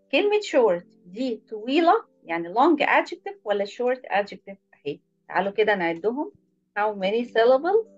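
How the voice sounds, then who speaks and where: A woman's voice: fairly high pitch, muffled recording. A woman with an Egyptian Arabic accent teaching an English class online, patiently explaining and praising each pupil by name. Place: online video lesson.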